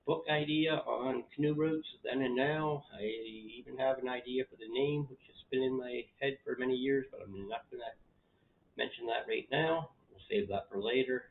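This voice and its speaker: A middle-aged man in his living room, talking casually to the camera as a channel host, relaxed and rambling, with plenty of fillers. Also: mid-range voice, normal speed. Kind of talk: casual vlog talk to camera. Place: living room at home, indoors. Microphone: camera in front of him. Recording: tinny phone-like sound.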